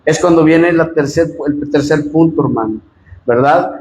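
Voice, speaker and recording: A Mexican pastor preaching a sermon, swinging from loud emphatic lines to low asides. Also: male voice, moderate pace, roomy sound, slight background noise, poor audio.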